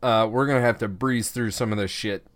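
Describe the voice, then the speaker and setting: A Midwestern American man co-hosts a casual, profane review podcast, talking at length in a laid-back way. His voice is fairly low with fairly even intonation and a brisk pace, recorded clean in a studio with no room sound.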